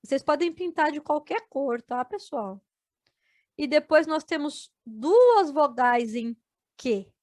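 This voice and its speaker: Spelling out words syllable by syllable, a Brazilian woman slowly explains to students in an adult education video lesson. Her high-pitched voice is animated and a little mellow, her accent Brazilian Portuguese, and the audio has no echo.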